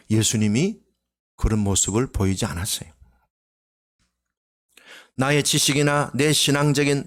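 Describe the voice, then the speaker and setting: A man preaching a Sunday sermon as pastor, asking the congregation rhetorical questions and swinging between loud exclamations and soft low asides. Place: church sanctuary.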